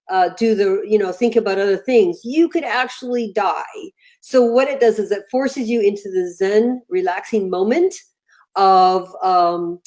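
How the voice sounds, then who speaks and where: An older woman, a company founder, chatting as an interview guest over a video call and acting out the voices in her anecdotes. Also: mid-range voice. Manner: animated storyteller, acts out voices in anecdotes. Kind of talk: casual interview chat.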